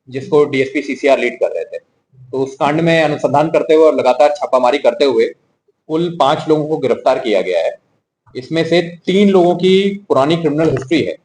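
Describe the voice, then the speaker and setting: A man speaking as a police officer at a press briefing, formal and measured, pausing often with "uh". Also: medium pitch, darkish tone, rough recording. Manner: formal, measured, with frequent "uh" pauses.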